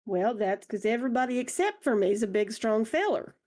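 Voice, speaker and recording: A woman's voice: a little high, lively intonation, fairly quick, a little mellow, close to an everyday voice. A woman playing a wry, genteel traveller with folksy, colloquial talk in a tabletop game. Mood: practical, teasing.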